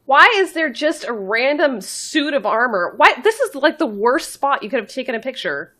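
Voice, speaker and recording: A woman's voice: sits high, very animated, moderate pace, bright, forceful tone. Giggly woman streaming a game. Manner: giggly, swears freely. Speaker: let's play streamer. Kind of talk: casual gameplay chat.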